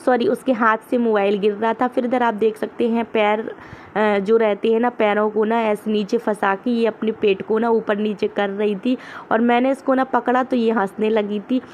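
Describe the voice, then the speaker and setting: A woman's voice: a little high, steady tone, normal speed, a little mellow, slight background noise. A young woman and mother narrating her family vlog in a homely, chatty voice-over, full of small fillers and restarts.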